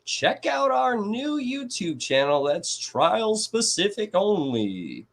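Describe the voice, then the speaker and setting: A man's voice: high-pitched, big pitch swings, slow, gravelly, voice pushed up, exaggerated voice. A man doing a chipper fake TV reporter. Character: upbeat male TV news reporter, polished and chipper.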